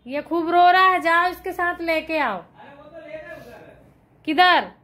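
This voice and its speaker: A woman's voice: very high voice, slow pace, pushed and bright, poor audio. A woman in her thirties filming a family vlog, coaxing and soothing her crying children in casual talk. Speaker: vlogger and mother.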